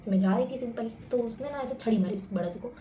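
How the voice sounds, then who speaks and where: A young woman vlogger telling stories to the camera in a chatty, animated way, often addressing her viewers as guys. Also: fairly high pitch, fast, echoey room, highs cut off, slight background noise. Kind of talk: casual storytelling to camera.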